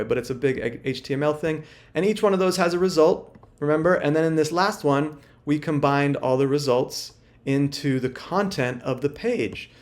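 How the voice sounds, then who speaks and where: A man's voice: fairly high pitch, a little mellow. A man teaching a screen-share workshop, casual and thinking aloud with many fillers. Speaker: workshop instructor. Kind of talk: screen-share tutorial walkthrough.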